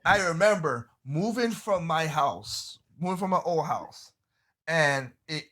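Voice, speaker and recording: High bright-voiced man telling animated stories. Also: measured pace. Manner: animated storyteller, swears freely, exclaims loudly; repeats and restarts phrases. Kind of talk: casual group chat.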